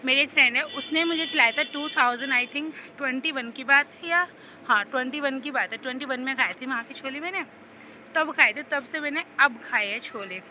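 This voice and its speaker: High bright-voiced young woman vlogging. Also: a little fast, a little hiss or hum. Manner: rambling, animated, laughs while telling stories. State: slight cough and sore throat. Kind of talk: casual chatty storytelling.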